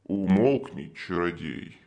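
A man voicing a menacing nightmare spirit in male form that speaks quietly with steel in its voice. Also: sits low, lively intonation, slow, pitched below the performer's own voice, heavily acted. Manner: quiet, steely, archaic threats.

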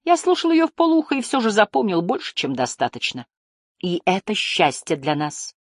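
A woman's voice: medium pitch, wildly swooping pitch, normal speed, dry recording, studio quality, voice pushed up. A woman reading the lines of a wounded, weary male warrior in an audiobook.

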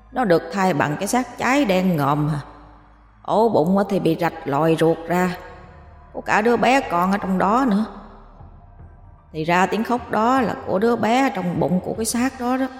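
A woman's voice: mid-range voice, natural voice. Casting: a woman voicing a dead young man's ghost, coarse and frightened, storybook horror, roomy echo. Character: terrified dead young man recounting his death. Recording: echoey reverb with music behind.

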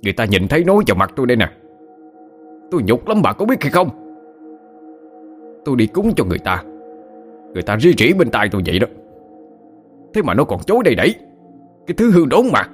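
A man doing a furious shouting father. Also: medium pitch, sing-song, quick pace, pauses often, faint music behind, voice pushed up, lightly acted. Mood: bitter, shouting. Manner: yelling, scolding. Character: furious middle-aged male village ritual master, father.

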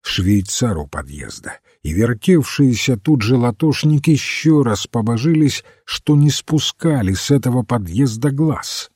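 A man narrating a detective story aloud in an expressive, dramatic manner. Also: medium pitch, a little slow, hardly any pauses, husky, no room sound, clean studio sound. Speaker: audiobook narrator. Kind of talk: scripted narration.

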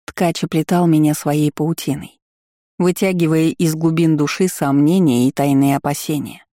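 A woman reading a first-person fantasy novel aloud in a wry, lively storytelling manner. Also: low-pitched, moderate pace, no room sound, studio quality. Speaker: audiobook narrator.

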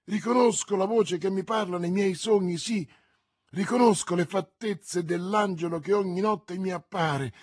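A man's voice: sits high, measured pace, darkish tone, slightly rough, dry recording, clean studio sound, pitched above the performer's own voice. A man reading aloud, voicing a torn, zealous young puritan officer with a feverish, exalted delivery.

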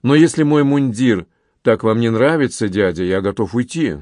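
A man voicing a calm, serious young male officer who speaks steadily, in an audiobook reading. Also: medium pitch, moderate pace, dry recording, clean studio sound, natural voice.

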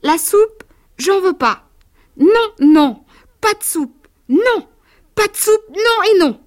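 Lady putting on a bratty little boy in a storybook, stubborn, yelling no over and over, voice way up high. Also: lively intonation, slow pace, exaggerated voice. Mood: shrill. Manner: shouting defiant refusals, growing shriller. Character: stubborn little boy refusing his soup.

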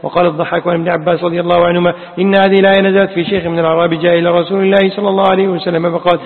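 Guy teaching, rattles through old commentary text, sings the verses, flat tone, sounds like a phone line in a big hall. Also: high-pitched, very fast. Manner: chants quoted verses melodically. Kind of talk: reading classical Quran commentary aloud. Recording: tinny, echoey hall sound.

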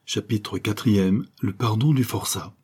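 A man narrating a classic serial novel in a measured, dramatic way. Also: fairly low pitch, darkish tone, slightly rough. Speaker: audiobook narrator.

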